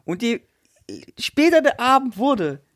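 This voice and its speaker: A young man telling stories in casual chat, animated and full of slang, with many restarts. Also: very high-pitched, unhurried, no echo, clean studio sound.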